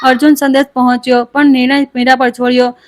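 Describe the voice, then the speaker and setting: Fast, high-voiced woman storyteller. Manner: steady, measured reading voice. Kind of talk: scripted story narration.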